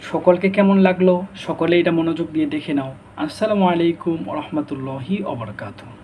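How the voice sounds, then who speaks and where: A man teaching a pronunciation lesson, saying each sound slowly and repeating it several times and asking the class simple questions. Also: a little high, warm tone, a little hiss or hum. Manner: explains patiently with questions to the class.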